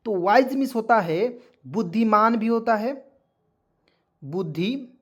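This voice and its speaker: Man slowly spelling out English words. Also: high-pitched, expressive. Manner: spells words letter by letter and repeats them often; keeps asking questions of the viewers. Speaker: English teacher. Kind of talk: spelling-out vocabulary lesson.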